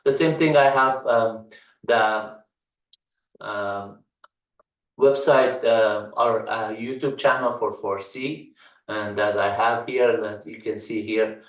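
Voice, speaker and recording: In a relaxed screen-captured tutorial, the channel host, an Afghan man whose first language is Dari, explains computer tasks. His delivery is halting and full of fillers, with items enumerated slowly, his voice fairly low and flat, and noticeable room echo from the distant microphone.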